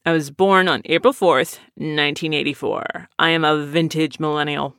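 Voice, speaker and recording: A podcast host in their late thirties answers listener questions in a loose, chatty way. They wander into tangents and poke fun at themselves. The voice sits at a middling pitch and is recorded dry, with no room sound. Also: fairly even intonation, normal speed, a bit bright, smooth, no echo. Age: 30s. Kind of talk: casual chat.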